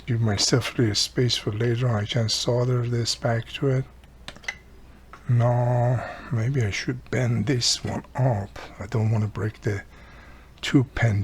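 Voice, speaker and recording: Thinking aloud while he works, an older man casually walks through a radio repair in his home workshop room as a hobbyist tutorial. His voice runs on the low side, and there's slight hiss or hum.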